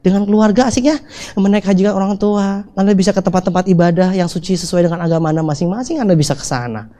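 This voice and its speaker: A man giving an animated motivational seminar talk, joking with the audience and acting out little dialogues in changing voices. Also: sits high, quick pace. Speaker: motivational speaker.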